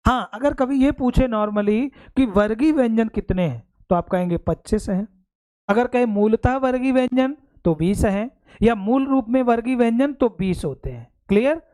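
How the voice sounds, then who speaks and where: एक पुरुष हिंदी शिक्षक, जो परीक्षा की तैयारी के लिए कक्षा में समझाता है और बार-बार पूछता है कि बात समझ आई या नहीं।. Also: male voice, very high-pitched, moderate pace, dark tone. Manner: explains step by step, keeps checking understanding; addresses students fondly as "beta". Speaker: Hindi teacher. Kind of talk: exam-prep classroom lecture.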